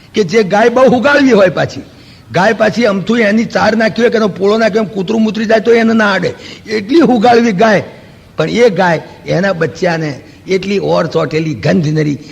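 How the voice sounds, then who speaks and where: High-pitched and creaky with a breathy edge, a man with a Gujarati accent delivers a Vedanta discourse as a spiritual lecturer. He leans on storytelling, rhetorical questions and everyday examples, breaking into animated acted-out dialogue while the hall rings with long reverb.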